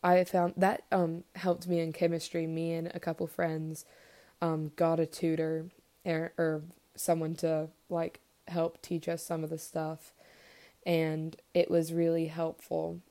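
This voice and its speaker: Young woman guest, low mellow voice, giggly, fillers. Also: monotone, a little slow. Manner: gushing, lots of fillers and giggles. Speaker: podcast guest. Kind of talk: casual podcast chat.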